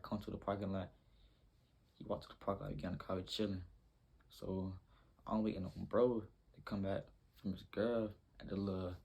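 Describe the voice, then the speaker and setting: A man's voice: fairly low pitch, a little mellow, slightly rough. A young man telling a rambling, slangy story in a casual storytime vlog.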